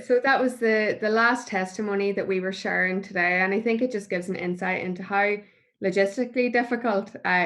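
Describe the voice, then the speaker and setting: A woman's voice: mid-range voice, vocal fry. A woman hosting an online event over a video call, thanking speakers and inviting questions. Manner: warm, grateful, brisk moderating. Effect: heard over a video call. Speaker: event host.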